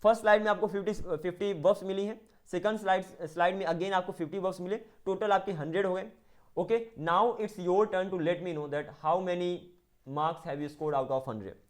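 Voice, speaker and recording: High-voiced teacher. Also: male voice. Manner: recites verb forms in a singsong rise and fall; explains in mixed Hindi and English, asking if it is clear. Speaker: English teacher. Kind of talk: online spoken-English class.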